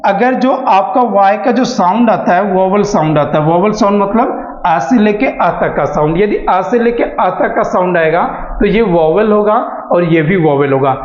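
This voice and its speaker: A man with a high voice teaches a beginners' pronunciation class. He keeps asking questions and answering them himself, and he stretches out example words. The room is echoey, and the recording sounds dull and lo-fi. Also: animated, moderate pace. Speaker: English teacher. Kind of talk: classroom-style lesson explaining pronunciation.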